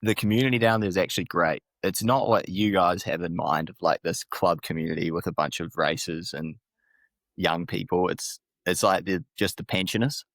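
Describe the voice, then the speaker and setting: A man's voice: sits low, normal speed, vocal fry, a bit bright, dry recording. A young man from New Zealand with a New Zealand accent, a podcast guest telling laid-back stories, swearing and laughing often. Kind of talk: casual chat.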